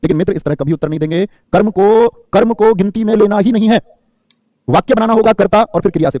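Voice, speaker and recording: Rapid-fire high-voiced male teacher. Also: darkish tone, no room sound, studio quality. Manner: rhetorical questions, mock student replies; addresses listeners as friend. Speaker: Hindi grammar teacher. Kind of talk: classroom lecture.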